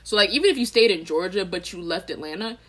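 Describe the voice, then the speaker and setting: A young woman from Texas with a Southern American accent, co-hosting a casual podcast chat and getting animated. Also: fast talker. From Texas, USA. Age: young adult. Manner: animated, swings up high when riled. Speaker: podcast co-host.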